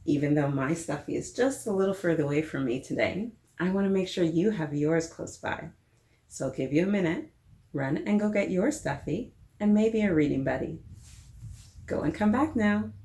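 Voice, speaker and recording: Here a woman with a lowish voice and a moderate pace runs a story time for children. She brings a picture book to life playfully and expressively, turning to talk directly with her young audience, and the sound is roomy and echoing.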